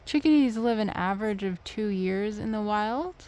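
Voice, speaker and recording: A woman's voice: medium pitch, animated, normal speed, a little mellow, slight background noise. A woman vlogging casually outdoors in the woods, coaxing wild birds and talking to them. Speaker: nature vlogger. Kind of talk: casual outdoor vlog narration.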